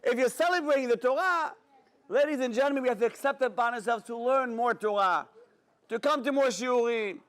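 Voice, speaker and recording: A man giving a sermon as a rabbi, an animated storyteller who talks straight to his audience. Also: very high-pitched, fairly quick. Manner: animated storyteller, acts out dialogue, addresses audience directly.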